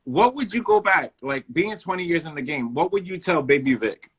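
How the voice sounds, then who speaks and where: A man's voice: on the high side, expressive, normal speed, a bit bright, husky. A man hosting a casual interview, playful and slangy with a hyped manner. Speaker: interviewer host.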